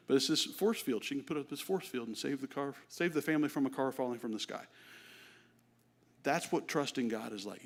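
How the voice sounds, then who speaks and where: A middle-aged man preaching a sermon in a relaxed, conversational way, telling lively stories to the congregation. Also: medium pitch. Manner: conversational, animated storytelling. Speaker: guest preacher.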